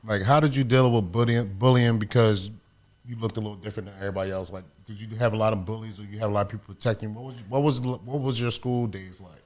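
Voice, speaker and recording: A man hosting a casual couch interview, relaxed and blunt, joking and cursing freely. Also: lowish voice, quick pace. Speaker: host.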